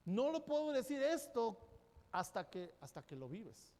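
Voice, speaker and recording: Impassioned high-voiced pastor preaching. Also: male voice, sing-song, measured pace. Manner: impassioned, emphatic preaching, at times shouting. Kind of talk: sermon. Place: church sanctuary. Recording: long church hall reverb.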